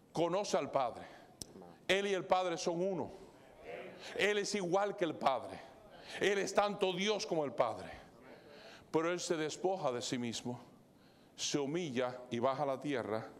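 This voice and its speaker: A man pastor preaching a sermon in church, swinging his voice up and down, slipping in English fillers like "so" and "all right". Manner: preaching with sweeping rises and drops in pitch; mixes English fillers into Spanish. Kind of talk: sermon with live illustrations. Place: church sanctuary.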